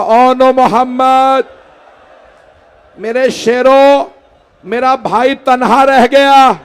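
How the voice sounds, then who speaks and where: High-voiced man wailing a sermon. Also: a little mellow. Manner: pleading, rising to wailing lament. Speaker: majlis orator. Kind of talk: mournful sermon recitation. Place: mosque hall.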